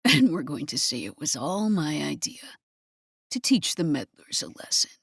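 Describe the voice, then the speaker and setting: A woman voicing a commanding older man in an audiobook, speaking low and hushed. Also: big pitch swings, moderate pace, vocal fry, breathy edge, no echo, studio quality, heavily acted. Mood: teasing. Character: much older man, a rough, commanding lover.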